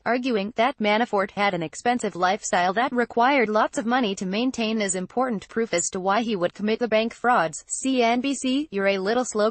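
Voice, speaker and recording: A woman narrating a news roundup in a steady, scripted read-aloud delivery. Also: a little high, dry recording.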